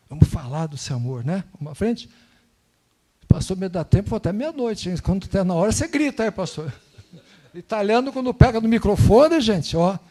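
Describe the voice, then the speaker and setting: A man speaking informally as a guest missionary at a church service, telling animated stories and tagging phrases with "né?", on a handheld mic in a church. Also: high-pitched. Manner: animated storytelling, acts out dialogues, frequent tag "né?". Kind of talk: informal church talk with anecdotes. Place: church sanctuary.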